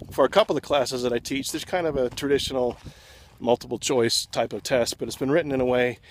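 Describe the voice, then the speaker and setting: A slightly winded man explains his course to students in an easygoing way, dotting his talk with ums and uhs. He records himself on a phone outdoors, with clear city traffic noise behind him. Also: mid-range voice, poor audio. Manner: relaxed and conversational, with many filler ums and uhs. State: slightly out of breath. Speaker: online course instructor.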